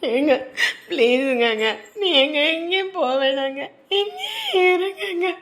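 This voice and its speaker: A woman's voice: extremely high pitch, sing-song, unhurried, a bit bright, heavily acted. A woman playing a tearful, pleading young wife. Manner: begging, repeats her plea. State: crying. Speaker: pregnant wife. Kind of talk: Tamil family drama acting.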